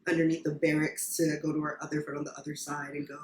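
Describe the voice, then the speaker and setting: Young woman guest, animated storyteller, middle pitch, roomy and distant sound, faint background hum. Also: quick pace. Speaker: guest, former Marine. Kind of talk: casual chat. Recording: echoey room, far from the mic, faint ambience.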